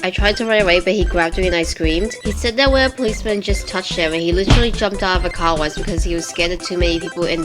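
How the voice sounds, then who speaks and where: A young woman arguing her points in an informal book debate, reasoning through examples. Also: on the low side. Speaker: student debater.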